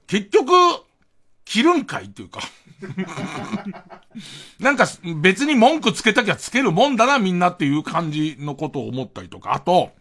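Husky, animated middle-aged radio man. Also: on the high side. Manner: rambling, self-mocking, chuckling asides. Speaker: radio host. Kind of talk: late-night radio monologue.

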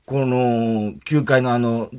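A man's voice: medium pitch, fairly even intonation, slow, darkish tone. A man hosting a radio comedy show in casual chat, rambling through funny stories and acting out what others said. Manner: rambling comic storytelling, acting out others' lines.

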